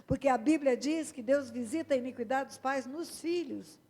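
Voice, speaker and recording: A woman's voice: sits high, normal speed, a little mellow. A woman pastor with a Brazilian accent, preaching emphatically and speaking directly to the congregation in a church hall. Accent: Brazilian Portuguese. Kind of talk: sermon.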